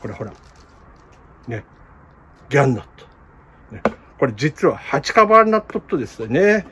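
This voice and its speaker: A man's voice: medium pitch, sing-song, normal speed, pushed and bright, slight background noise. A middle-aged man with a Kumamoto dialect, chatting casually in a plant vlog and laughing at himself. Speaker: plant shop owner.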